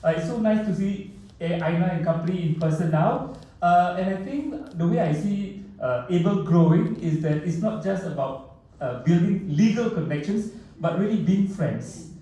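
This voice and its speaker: A man's voice: sits high, normal speed, mellow. A man, an international lawyer, giving a friendly short speech with fillers and laughs. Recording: roomy hall from far off.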